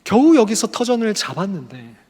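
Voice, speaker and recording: An earnest male pastor preaching to a congregation and asking it one question after another. His voice is high for a man and carries a long hall echo. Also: very animated, fairly quick, warm tone, husky. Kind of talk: sermon.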